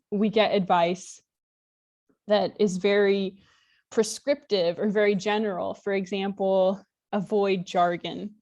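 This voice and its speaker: A woman's voice: mid-range voice, darkish tone. Woman giving an informal online lecture. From Alaska, United States. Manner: friendly, conversational, with occasional fillers. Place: home room with virtual background. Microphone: laptop webcam mic on a video call.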